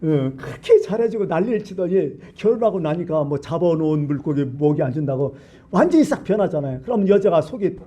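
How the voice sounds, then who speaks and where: A man pastor preaching a colloquial, lively sermon in a church, full of rhetorical questions to the congregation. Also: on the high side, brisk, breathy edge. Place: church sanctuary.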